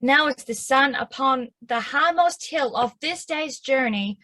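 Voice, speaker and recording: A woman's voice: high voice, lively intonation, measured pace, sharp tone, heavily acted. Woman playing an eager Southern girl in love. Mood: impatient. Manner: eager, pleading, impatient. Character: impatient young girl in love. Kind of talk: stage acting of verse drama.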